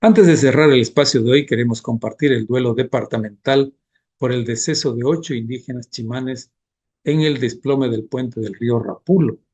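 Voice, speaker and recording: A man hosting a cultural radio segment, giving tributes and reading a poem aloud in a measured, reciting way. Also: medium pitch, darkish tone, husky. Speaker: radio program host. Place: radio studio.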